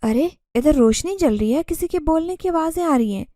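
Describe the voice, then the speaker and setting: Storybook part: bold cheeky kid brother, read by a woman, hushed and bright. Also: high-pitched, animated, brisk, no room sound, clean studio sound, pitched above the performer's own voice. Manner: whispering, cheeky.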